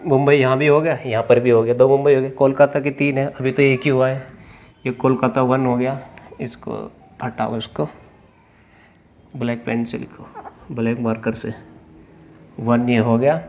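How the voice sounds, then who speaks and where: A man teaching a lesson, explaining step by step, asking questions and answering them himself, drawling names slowly as he writes. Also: mid-range voice, flat delivery, darkish tone. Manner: drawls place names slowly while writing. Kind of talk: classroom lecture at a board. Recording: faint background noise.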